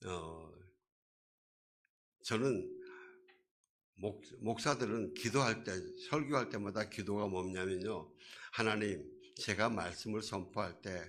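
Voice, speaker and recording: A man's voice: on the low side, fairly bright tone, slight background noise. A man preaching a sermon as a pastor, in a conversational way that asks the congregation questions and acts out quoted voices.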